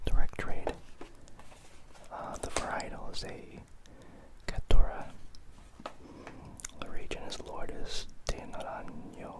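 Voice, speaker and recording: A person whispering softly in a breathy, unvoiced hush, musing casually and a little hesitantly as the host of an ASMR product unboxing. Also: slow pace, pauses often.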